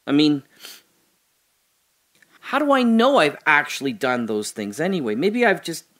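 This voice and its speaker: An actor's sing-song, fairly bright voice on the high side carries an audio drama monologue at a measured pace. He plays a man alone in a holding cell who questions and muses over his memories, moving from wry to earnest.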